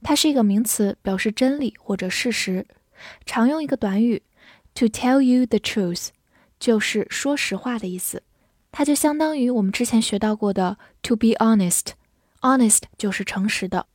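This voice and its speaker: A woman teaching English vocabulary in a clear, patient way, spelling out words and reading model sentences slowly. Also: a little high, no room sound, clean studio sound. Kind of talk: vocabulary lesson.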